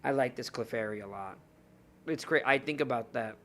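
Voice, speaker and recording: A young man with a gravelly, creaky voice talks loosely on a live stream. He rambles and chats to his viewers in a relaxed, off-the-cuff way. A faint hum of noise sits under his voice. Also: mid-range voice, normal speed. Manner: rambling, chatty, talks to chat while browsing. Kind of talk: casual live-stream chat.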